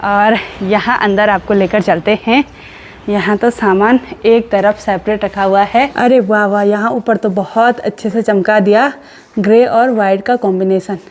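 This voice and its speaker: A woman's voice: mid-range voice, steady tone, unhurried, a little hiss or hum. A woman in her thirties vlogging casually, chatty and cheerful, laughing often as she walks and drives around. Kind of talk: casual vlog narration. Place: in a car and walking through a house.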